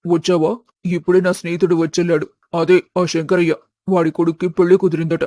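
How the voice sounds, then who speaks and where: A woman's voice: lowish voice, little pitch movement, fast talker, mellow, no room sound, pitched below the performer's own voice, close to an everyday voice. A woman voicing a middle-aged, easygoing father in a storybook tale. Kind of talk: storybook voice acting.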